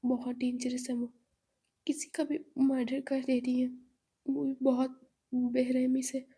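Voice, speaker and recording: A woman's voice: high voice, little pitch movement, slow, breathy edge, exaggerated voice. A woman voicing a timid, frightened young woman who speaks hesitantly in a whispered role-play. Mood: fearful. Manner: hesitant, hushed.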